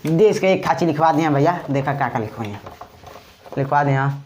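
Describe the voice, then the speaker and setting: Chatty teacher with a Bhojpuri-tinged accent. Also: male voice, fairly high pitch, expressive, a little fast, a little mellow, slight background noise. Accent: Bhojpuri-tinged Hindi. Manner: chatty, joking, addresses viewers as brothers. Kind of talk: casual grammar lesson. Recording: slightly dull lo-fi recording.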